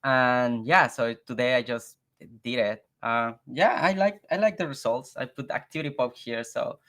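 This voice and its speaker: Man, English, halting, repeats words, laughs easily, video call guest. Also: medium pitch, fairly bright tone. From Mexico. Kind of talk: casual interview chat.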